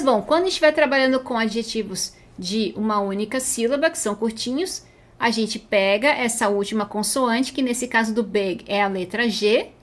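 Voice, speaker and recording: A Brazilian woman who speaks Portuguese as her first language, teaching a beginner English grammar lesson. She explains patiently and stretches out each English example word slowly. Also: fairly high pitch.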